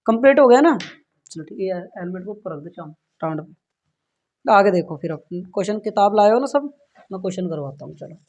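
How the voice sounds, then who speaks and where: Lively intonation marks this male physics teacher's high-pitched, darkish voice as he talks at a moderate pace. He lectures and pleads earnestly with his students, often asking if they follow and dropping "yaar". It's a dull lo-fi recording made in a classroom with a board.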